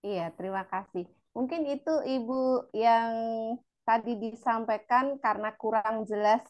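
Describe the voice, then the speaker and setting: A woman's voice: a little high, unhurried. An Indonesian woman moderating a teachers' webinar and sharing her own classroom experience. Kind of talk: webinar talk.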